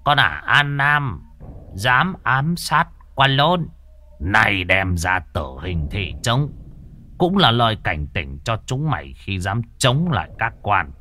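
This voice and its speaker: A man voicing a cruel collaborator interpreter who announces an execution slowly and threateningly. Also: fairly low pitch, big pitch swings, sharp tone, slight background noise, heavily acted. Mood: menacing. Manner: slow, threatening, pronouncing a sentence.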